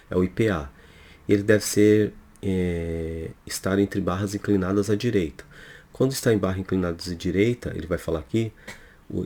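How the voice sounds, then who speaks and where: A man's voice: on the low side, a little mellow. A Brazilian man teaching English pronunciation, explaining his course over slides in a didactic way and often checking in with his listeners.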